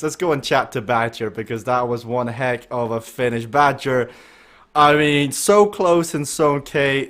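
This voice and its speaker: A man hosting and commentating a virtual cycling race, building excitement toward the finish and chatting with riders. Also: medium pitch. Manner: excitable, rising to shouts at the finish. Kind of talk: live esports cycling commentary.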